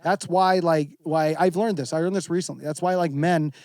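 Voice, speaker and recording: A man talking as a guest on a casual podcast, animated and profane, slipping into mocking voices. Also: on the high side, moderate pace. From former Navy serviceman.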